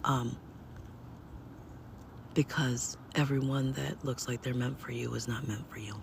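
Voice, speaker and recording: Woman vlogger, casual story from home, unhurried, hesitant restarts, soft near-whispered asides, faint room hum. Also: extremely low pitch, steady tone, gravelly. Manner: halting, many fillers and restarts, drops to near whispers. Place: indoors at home.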